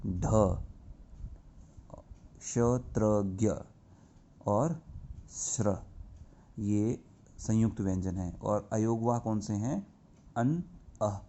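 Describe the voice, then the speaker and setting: A man teaching a grammar lesson to young pupils. He explains slowly and step by step, asking questions and answering them himself. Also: on the low side, mellow, slight background noise. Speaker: school teacher. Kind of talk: classroom lesson. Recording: dull lo-fi recording.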